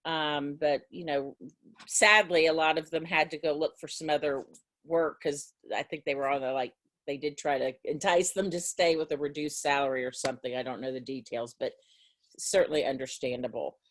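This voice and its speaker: A woman's voice: deep voice, fairly even intonation, normal speed. A woman teacher talking to her class over a video call in a casual, rambling way, with many restarts. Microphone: video call mic.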